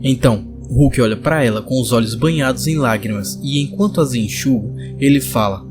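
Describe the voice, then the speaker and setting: Brazilian guy retelling a comic, middle pitch, steady, faint music underneath. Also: brisk. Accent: Brazilian Portuguese. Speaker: comic-book narrator. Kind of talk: storytelling narration.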